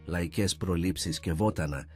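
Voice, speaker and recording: A man's voice: low voice, faint music behind, close to an everyday voice. Man doing furious wealthy father. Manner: shouting, scornful. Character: wealthy angry father, stern and domineering.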